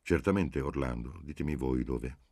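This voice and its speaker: Man reading a calm reserved young man, terse, very deep voice, dry studio sound. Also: normal speed, no echo. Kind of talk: audiobook reading.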